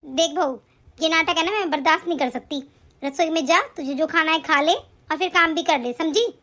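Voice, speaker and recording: A woman playing a nagging, very high-pitched mother-in-law. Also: normal speed, bright, forceful tone. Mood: scolding. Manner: nagging, commanding and scornful. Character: scolding middle-aged mother-in-law, bossy and scornful. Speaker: voice actor in an animated family drama. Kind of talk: animated story voice acting.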